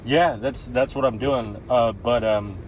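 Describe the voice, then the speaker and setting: A man chatting casually in a vlog, halting and repeating words, laughing often. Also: mid-range voice, steady tone, slight background noise. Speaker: vlogger. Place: outdoors by cars, then inside a car.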